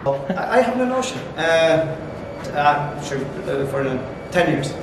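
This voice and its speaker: A man in his forties with an Irish accent speaks plainly, pausing now and then to find his words. The room is very echoey. He is recorded from a distance over steady background noise. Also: on the high side. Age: 40s. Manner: hesitant, plain-spoken. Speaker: gym member, powerlifter. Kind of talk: casual testimonial. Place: indoor gym.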